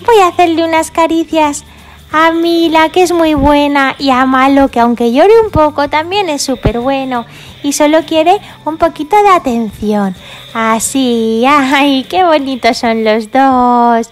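A woman's voice: sits high, a little slow. A woman voicing a cheerful little girl pig who fusses over her baby dolls with doting sighs. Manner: fussy, doting, sighing often.

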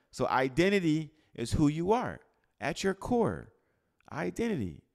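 A man's voice: mid-range voice, vocal fry. A man preaching an interactive sermon to a live group, quizzing the room and calling on people by name. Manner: animated, swings from loud to hushed. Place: church gathering with a live group.

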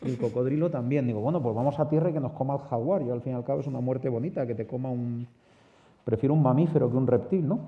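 A man with a Spain Spanish accent, talking at a mid pitch. He tells an animated, anecdote-driven story and acts out the dialogue. The sound is slightly dull and lo-fi. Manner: animated anecdotal, with laughs and acted-out quotes. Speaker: seminar panelist. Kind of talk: conversational storytelling.

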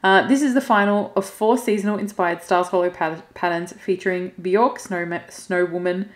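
A woman's voice: lowish voice, fairly even intonation, moderate pace, reverberant. A woman chatting casually as she unboxes craft goods, gushing, emotional and laughing often. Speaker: cross stitch vlogger.

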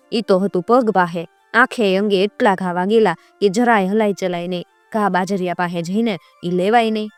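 Smooth-voiced woman folk storyteller. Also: medium pitch, dry recording. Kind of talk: folk-tale narration.

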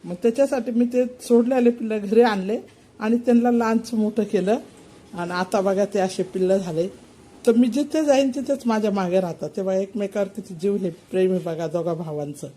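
A woman's voice: mid-range voice, moderate pace, mellow. An older woman, talking casually to her pet cats at home and cooing to them in baby-talk. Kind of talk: casual home video narration.

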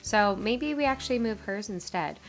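A woman's voice: mid-range voice, animated, moderate pace. Young woman, casual gameplay chat, gushing, morning voice, faint music behind. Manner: bubbly, gushing, chatty. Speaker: gaming YouTuber.

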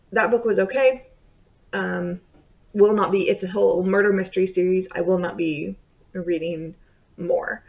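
Her medium-pitched voice is gravelly as this thirty-something book vlogger talks casually through her monthly reading, wandering off and correcting herself. She's indoors at home, in a bedroom or office, captured by a desk webcam that sounds tinny and phone-like.

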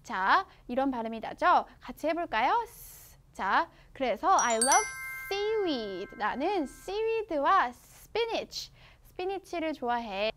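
High, lively Korean woman teaching English. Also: slight background noise. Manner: slow, drawn-out English words, quick Korean explanations. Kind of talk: children's English picture-book lesson.

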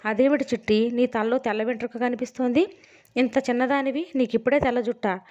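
A woman's voice: on the high side, steady tone, fairly quick, a little mellow, close to an everyday voice. A woman reading as a worried mother, dull lo-fi. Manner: concerned, scolding questions. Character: worried mother questioning her thin daughter. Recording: dull lo-fi sound.

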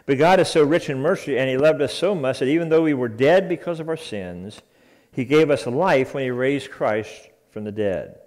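A man's voice: mid-range voice, expressive, moderate pace, darkish tone. Earnest male preacher delivering a sermon. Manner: earnest, emphatic preaching with repeated phrases. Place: church sanctuary.

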